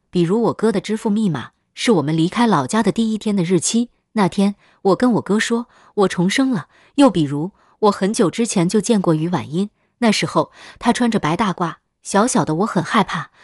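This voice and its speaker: A woman reading a first-person web-novel story in a subdued, even voice. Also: medium pitch, normal speed, few pauses, breathy edge, no room sound, clean studio sound.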